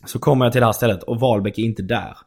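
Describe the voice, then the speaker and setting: Rambling young man telling stories. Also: medium pitch. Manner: rambling, lots of fillers. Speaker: stand-up comedian. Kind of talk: casual storytelling chat.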